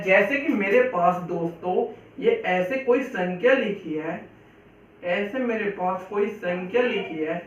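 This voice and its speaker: A man's voice: sits high, fairly bright tone. A man teaching math to viewers, explaining patiently and repeating each step. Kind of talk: Hindi classroom-style lesson. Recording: echoey, distant, dull room sound.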